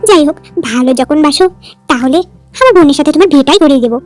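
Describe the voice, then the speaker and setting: A woman's voice: sits high, animated, rapid-fire, no echo, faint music behind. Woman playing a bossy older sister. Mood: stern.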